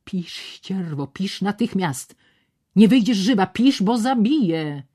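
A woman's voice: lowish voice, huge pitch swings, a little slow, darkish tone, dry recording, studio quality, voice pushed up, heavily acted. A woman voicing a male swindler who coaxes and then threatens, in a spoken storybook reading. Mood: menacing. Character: menacing male swindler, coaxing then brutal.

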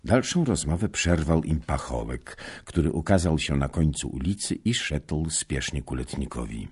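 A man reading a historical novel aloud in a measured, unhurried way. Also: extremely low pitch, expressive, darkish tone, breathy edge. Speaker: audiobook narrator. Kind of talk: scripted narration of a historical novel.

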